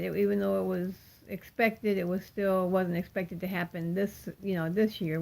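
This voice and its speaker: An older woman talking without her dentures, with soft toothless articulation, in a rambling, apologetic casual update to viewers as a craft vlogger. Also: lowish voice, vocal fry. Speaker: cross-stitch vlogger.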